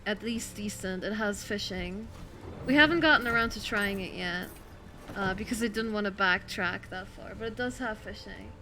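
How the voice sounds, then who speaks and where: A woman's voice: medium pitch, bright, forceful tone. A woman with a German accent streaming a game, chatting casually, thinking aloud and answering her chat. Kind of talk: casual gameplay commentary.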